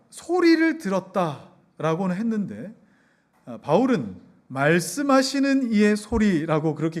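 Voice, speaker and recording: A man preaching a sermon in a fairly high voice that rises and falls a great deal as he leads his church through a scripture passage. He keeps putting questions to the congregation and then answering them himself. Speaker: pastor. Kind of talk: expository sermon. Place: church hall in a basement.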